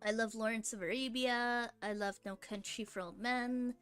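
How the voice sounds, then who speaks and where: A woman's voice: on the high side, steady tone, normal speed, fairly bright tone, clean tone, faint music behind. A young woman vlogger chatting casually in a rambling, giggly, sleepy way.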